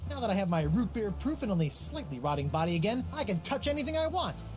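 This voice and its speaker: A man's voice: high-pitched, very animated, quick pace. A man voicing a wisecracking, naive young pirate hero in a comedic video game, chatty and theatrical. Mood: cocky. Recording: music behind the voice.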